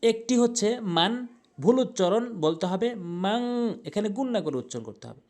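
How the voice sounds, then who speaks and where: A woman leads a recitation lesson, singing each verse slowly with long drawn-out syllables. Between verses she explains how each sound should be said and repeats words patiently to correct them. Her voice sits at an ordinary middle pitch. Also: big pitch swings, a little mellow. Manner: alternates slow drawn-out chanted recitation with explanation. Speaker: Quran recitation teacher.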